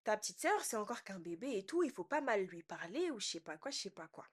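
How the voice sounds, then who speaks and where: A woman's voice: medium pitch, very animated, fast talker, husky. A young woman voicing her middle-aged stepmother, who mumbles and halts through her words. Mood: grumbling.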